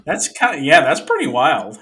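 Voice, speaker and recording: Bright-voiced easygoing podcast host. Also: male voice, a little high, huge pitch swings, moderate pace. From Oklahoma. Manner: easygoing, joking sign-off. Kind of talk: casual podcast chat.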